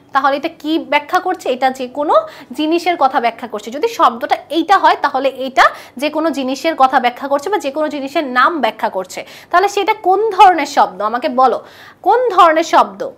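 A woman teaches a live online English class in a high voice. She quizzes her students, repeats their answers back, and reads test sentences out slowly. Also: expressive, a bit bright.

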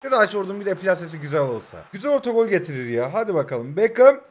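A man's voice: sits high, big pitch swings, quick pace. A man in his twenties chatting casually as he plays a mobile football game and reacts to each move. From Turkey. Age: 20s. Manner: chatty, keeps saying hocam, flares up at the referee. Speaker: mobile football gamer and streamer. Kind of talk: casual gameplay commentary.

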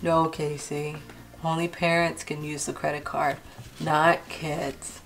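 A woman's voice: low voice, slow, gravelly, soft background music, heavily acted. A woman voicing a patient mother doll taking her daughter shopping. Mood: calm. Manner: calm, gently firm with her child. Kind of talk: toy doll play video.

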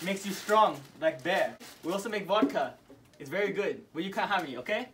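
Man doing a harsh russian tutor, put-on russian accent, broken english, high strained voice, noisy homemade recording. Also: animated, brisk, fairly bright tone. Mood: bossy. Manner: broken English, repeats "okay?". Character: harsh male Russian tutor, bossy and blustery. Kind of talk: amateur comedy skit.

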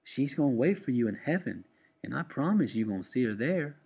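A man reading aloud, voicing a weary mother who gently comforts a grieving child in a quiet, subdued voice. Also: mid-range voice, big pitch swings, brisk, vocal fry, slightly rough, exaggerated voice. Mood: soft, sorrowful.

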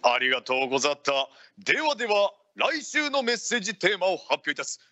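A man's voice: sits high, very animated, fairly quick, pushed and bright, lo-fi sound, heavily acted. A man playing a genial feudal Japanese ninja lord hosting live radio, speaking in archaic samurai-era phrasing. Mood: hearty, announcing. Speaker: radio show host.

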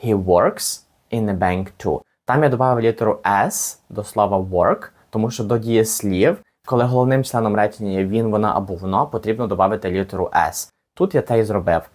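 A man with a rather low, darkish voice teaches a language lesson step by step. He patiently says each phrase slowly and repeats it for the learner.

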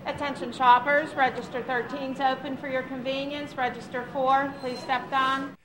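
A woman making a flat, routine announcement over a store intercom in a large retail store. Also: sits high, normal speed, a crowd in the background. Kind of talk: store public-address announcement. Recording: echoey store loudspeaker amid shoppers.

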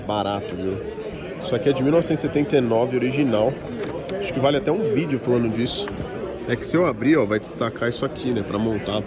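Speaking quickly and expressively at a medium pitch, this Brazilian toy collector and vlogger gives a loose, slang-filled walk-around commentary in a Brazilian Portuguese accent. He records on the move through a crowded toy convention, where the chatter of the crowd fills the background.

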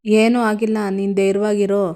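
A woman's voice: medium pitch, level tone, normal speed, warm tone, lightly acted. Stern old village grandmother, as a woman reads her lines. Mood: reassuring. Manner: scolding, reassuring, rustic speech. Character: stern elderly village grandmother, the family matriarch.

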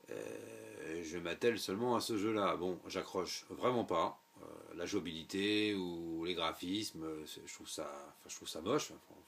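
A man's voice: low-pitched, creaky, fairly bright tone. A man talking through a game unboxing in a casual, hesitant way, full of fillers and offhand remarks. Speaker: video game unboxing vlogger.

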